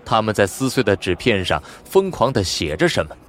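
A man narrating an audiobook in a scripted, expressive storytelling style. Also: lowish voice, a little fast.

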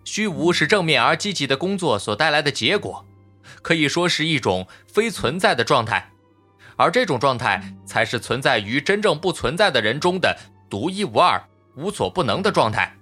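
A man's voice: fairly high pitch, sing-song, normal speed, pushed and bright, soft background music, full character voice. An actor playing a smug, argumentative male robot constructor in an audiobook, with a needling, lecturing tone. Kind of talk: audiobook character voice.

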